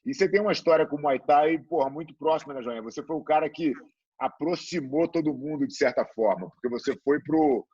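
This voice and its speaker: Brazilian guy hosting a chat, relaxed and rambly, kinda raspy, flat dry sound. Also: on the high side, a little fast, no echo, muffled recording. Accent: Brazilian Portuguese. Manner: relaxed, chatty, full of fillers. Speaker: interviewer. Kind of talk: casual interview chat.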